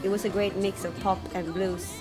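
A woman from Sweden, a guest singer, answering interview questions in a soft, hesitant, thoughtful way, a little jet-lagged. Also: mid-range voice, flat delivery, brisk, over music, crowd noise.

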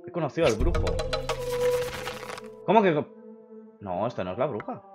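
A young man commentating a game, reading cards aloud in a brash, profane way that swings from mumbles to excited outbursts. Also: medium pitch, normal speed, soft background music. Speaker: gaming YouTuber.

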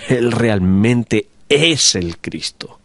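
A man voicing a dubbed sermon over the picture, preaching in a measured, emphatic way. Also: on the low side, expressive, dry recording, studio quality.

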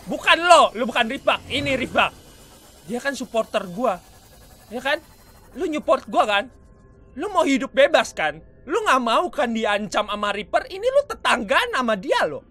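Very high, bright-voiced excitable gamer man. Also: normal speed. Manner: excitable trash-talking, mixing in English swears. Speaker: gaming YouTuber. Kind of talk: let's play commentary.

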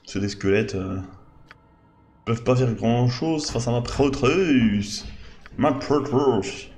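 A man's voice: mid-range voice, lively intonation, slow, darkish tone, a little hiss or hum. A man in his thirties giving casual let's play commentary, thinking aloud and muttering to himself.

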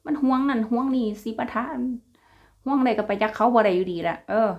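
A woman's voice: fairly high pitch, a little fast, highs cut off. Chatty Isan-accented woman vlogger. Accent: Isan (Northeastern Thai). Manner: chatty, laughs often, addresses viewers as siblings. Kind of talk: casual chat to viewers.

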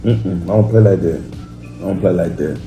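A man's voice: low-pitched, normal speed, roomy sound, muffled recording, over music. A man with a Mississippi accent, bantering and joking with his wife during a casual mukbang. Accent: Mississippi, Southern US. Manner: joking, laid-back banter. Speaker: co-host, husband.

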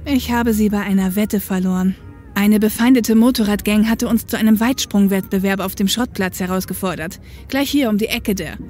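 In a German audio drama, a grown woman with a medium-pitched, slightly mellow voice plays a tough, upright, working-class policewoman and ex-biker who is street-wise. She speaks matter-of-factly at normal speed in a reminiscing mood, lightly acted over soft background music.

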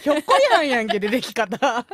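High-voiced blunt Kansai woman streamer. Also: very animated, fairly quick, fairly bright tone. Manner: blunt, mock-threatening, laughing through words. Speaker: virtual streamer. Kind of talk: casual game reaction banter. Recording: noisy game stream audio.

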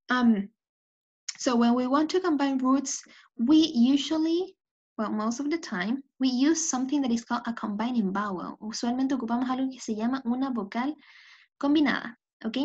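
In this lo-fi, dull-sounding recorded lecture, a woman with a high but darkish voice teaches English. Spanish is her first language, and she explains points in English before repeating them in Spanish, frequently asking "¿ok?".

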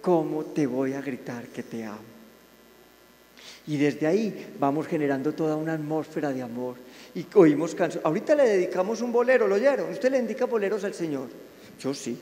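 The voice is a man's, pitched high for a man, giving a sermon to a live audience. He preaches in a warm, playful way and drops now and then into soft, intimate tones. A long reverb trails each phrase, as in a big hall. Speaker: Franciscan friar preacher.

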